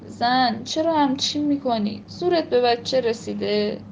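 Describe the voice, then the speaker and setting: A nasal, bossy father barks and wheedles orders at his child, as a woman storyteller puts him on. The voice sits high and shrill for a man, raised and pushy. There is a faint hiss of background noise under the reading. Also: vocal fry. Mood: pleading. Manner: demanding, yelling.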